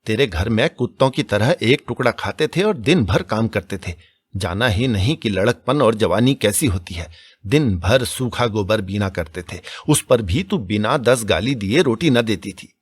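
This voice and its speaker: A bitter young village man rants fast and resentfully, pouring out old grievances, as a male narrator voices him. His voice is low, husky and dry, close to the reader's own. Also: expressive, no room sound. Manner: rapid, resentful ranting.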